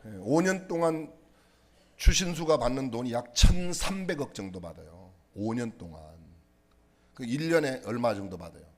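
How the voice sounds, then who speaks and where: A middle-aged man preaches in a church, playful and teasing as he quizzes his congregation. His voice is a little husky and swings widely in pitch, and it stays lively throughout. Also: normal speed. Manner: playful, teasing, asks the audience questions. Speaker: pastor. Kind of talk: humorous sermon with jokes and questions to the congregation. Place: church sanctuary.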